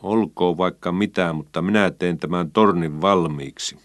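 A man's voice: sits low, no room sound, clean studio sound, lightly acted. A man voicing a stubborn, sulky young boy in a children's story. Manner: sulky, reluctant.

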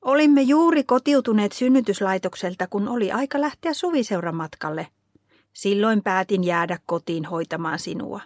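A gentle, patient mother, as a woman reader puts her on, talking softly and soothingly. The voice sits a touch higher than the reader's usual, in a dry, close storybook recording. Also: no echo, lightly acted.

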